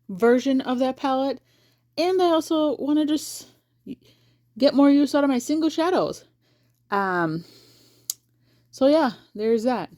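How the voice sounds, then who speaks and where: A woman's voice: fairly high pitch, dark tone. A woman beauty vlogger talking casually to her viewers, thinking aloud and correcting herself mid-sentence as she sorts her makeup. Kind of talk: casual rambling chat to camera.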